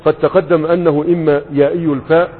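Egyptian man, lecturing sheikh, fairly high voice, quick, keeps asking the class if they follow. Brief: tinny recording in a reverberant hall. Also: level tone. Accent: Egyptian Arabic. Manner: explains with rhetorical questions, checks understanding often. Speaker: sheikh teaching Arabic morphology.

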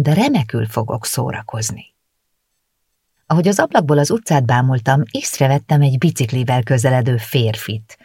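Husky, dry-voiced woman reading a novel. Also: very deep voice, darkish tone, no echo. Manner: measured, lightly ironic storytelling. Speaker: audiobook narrator. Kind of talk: first-person novel narration. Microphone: close studio mic.

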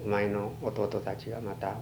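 Casting: elderly man, western Japanese accent, halting reminiscence, plain-spoken, noisy humming archival tape. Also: fairly low pitch, flat delivery. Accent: western Japanese, Chugoku. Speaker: oral history interviewee. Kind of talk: reminiscing in an interview.

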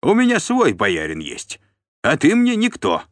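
A man voicing an insolent male steward who shrieks defiant threats in a shrill voice. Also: wildly swooping pitch, a little slow, dry recording.

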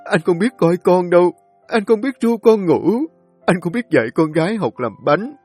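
A man's voice: mid-range voice, moderate pace, darkish tone, dry recording, soft background music, lightly acted. A man voicing a grief-stricken young husband who pleads tearfully with his dying wife. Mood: sobbing desperate. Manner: sobbing, pleading, voice breaking.

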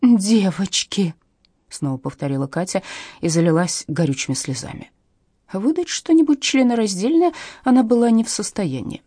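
A woman's voice: medium pitch, sing-song, a little fast, warm tone, no echo, clean studio sound. A woman narrating an audiobook in a wry storytelling manner.

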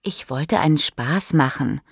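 A woman reading a storybook, voicing a playful teenage boy in a soft, low-key, teasing way. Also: animated, a little slow, gravelly, husky, no room sound, studio quality, exaggerated voice. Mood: sheepish.

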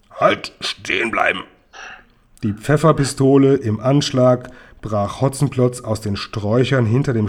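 Guy reading a kids book out loud, husky calm voice. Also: medium pitch. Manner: calm storytelling narration. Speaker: reader. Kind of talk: reading a children's book aloud.

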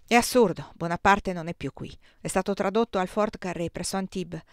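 A woman reading the part of a gruff older male army colonel in an audiobook, brusque and blustering, raising her voice when he gets annoyed. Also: fairly low pitch, brisk, no room sound, clean studio sound, close to an everyday voice.

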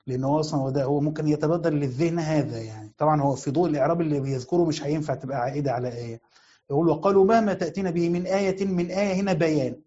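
Here a sheikh lectures on Quran commentary in an Egyptian Arabic accent, his pitch fairly high and his tone a little mellow, with the highs cut off. He keeps raising questions only to answer them, and he returns to key phrases again and again.

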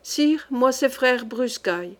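A woman's voice: sits high, expressive, slow. A woman voicing a sly boastful fake monk. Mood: scheming. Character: sly rogue posing as monk, man.

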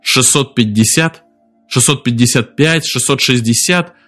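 Male narrator, measured audiobook delivery, faint music underneath. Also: mid-range voice. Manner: steady, measured storytelling.

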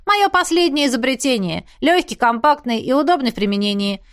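A fussy gnome inventor with a high, pinched voice, put on by a woman reading an audiobook. He talks in a boastful sales patter and slides into whining. The sound is dry and close. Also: animated, moderate pace, fairly bright tone, dry recording. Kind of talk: audiobook character voice.

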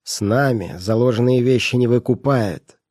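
A cold, stingy old pawnbroker, read by a man, snapping short, harsh replies. The voice is dark and low-toned and sits in a dry, close recording. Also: normal speed, no echo, lightly acted. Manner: curt and harsh.

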